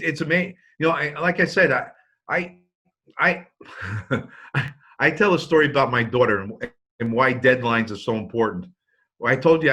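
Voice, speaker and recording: Brief: fifties man presenting financial aid to parents, folksy and anecdotal, with a bright tone. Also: mid-range voice. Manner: anecdotal, joking, with many restarts. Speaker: college financial aid speaker. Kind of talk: informational talk to parents.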